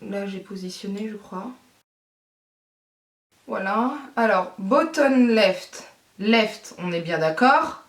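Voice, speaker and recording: A woman from France, a beauty vlogger at home, chatting casually to her viewers, flustered and excitable, swearing and talking through each step. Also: mid-range voice, takes it slowly, long pauses, recorded from a distance. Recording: echoey room, speaking away from the mic.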